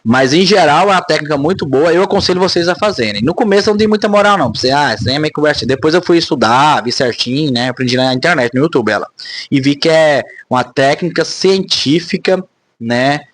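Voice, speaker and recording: A man's voice: fairly high pitch, brisk, fairly bright tone, no echo. A man, talking casually to camera in a rambling vlog monologue, often ending phrases with tag questions. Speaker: spiritual vlogger.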